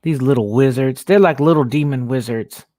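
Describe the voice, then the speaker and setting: A host on a livestream rambles along, restarting sentences and thinking out loud. They read out viewer comments and answer with quick yeses and mm-hmms. The voice sits at an ordinary mid pitch and sounds close and dry, with no room around it. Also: no room sound. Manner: talks back to chat with quick affirmations. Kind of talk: casual livestream talk, reading viewer comments aloud.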